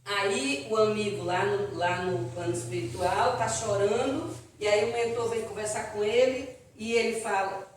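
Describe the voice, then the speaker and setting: A woman with a Brazilian accent, giving a spiritist lecture and answering questions in a chatty, animated way. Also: medium pitch, moderate pace, far from the mic. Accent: Brazilian Portuguese. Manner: chatty, animated storytelling with audience asides. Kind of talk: live lecture Q&A to an audience. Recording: echoey hall, voice from afar, faint noise.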